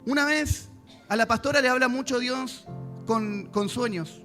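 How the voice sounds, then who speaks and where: A man's voice: very high voice, a little slow, sharp tone. A male pastor, preaching a sermon to a congregation and acting out prayers and God's replies. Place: church service. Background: music.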